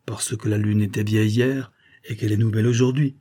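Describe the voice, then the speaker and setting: Un homme lisant un valet perfide et rusé. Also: male voice, fairly low pitch, steady tone, brisk, mellow, lightly acted. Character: treacherous scheming male valet.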